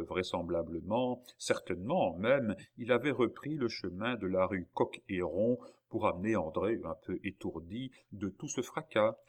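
Man narrating a classic novel, low voice. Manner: measured, dramatic pauses. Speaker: audiobook narrator.

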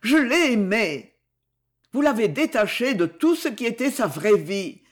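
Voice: medium pitch, sing-song, a little slow, voice pushed up. A reader voicing a grieving older mother in an audiobook, speaking in a choked, reproachful voice. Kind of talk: audiobook character reading.

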